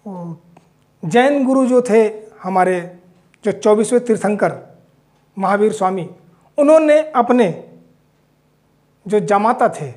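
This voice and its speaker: A man's voice: sits high, a little mellow. A man teaching a Hindi spelling lesson, explaining patiently while writing words out and often checking in with his class. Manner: explanatory, checks in with "theek", mixes in English phrases.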